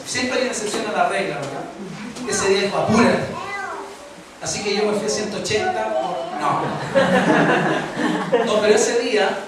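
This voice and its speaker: Chilean pastor preaching in echoey hall. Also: male voice, high voice, recorded from a distance. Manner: animated preaching with rhetorical questions. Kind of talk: sermon. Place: large church hall. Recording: very echoey hall recorded from afar with noise.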